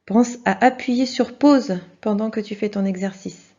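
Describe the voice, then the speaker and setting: A woman's voice: mid-range voice, measured pace, dark tone. A woman teaching a children's video lesson, speaking patiently and encouragingly and addressing the child directly. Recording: dull lo-fi sound.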